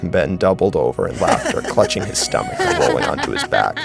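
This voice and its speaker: A man reads scripted horror fiction as a dramatic narrator. His voice is deep and creaky with lively swings of intonation, and brisk, loud music plays behind him.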